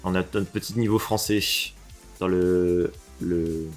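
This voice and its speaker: A lower-voiced man from France reacting to game levels in a casual streamer way. He drops into quiet mumbles, then jumps up loud and excited, swearing freely. Faint music plays under his voice. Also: takes it slowly. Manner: animated, swears and shifts from low mutters to excited outbursts.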